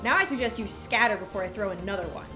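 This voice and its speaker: Woman reader doing old grandma, gruff, blunt, vulgar, fierce. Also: medium pitch, lively intonation, normal speed, music in the background, natural voice. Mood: threatening.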